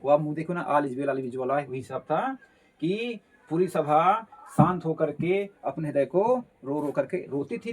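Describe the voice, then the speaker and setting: A male teacher explaining a Hindi poem line by line, repeating and paraphrasing each phrase as he goes. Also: on the high side.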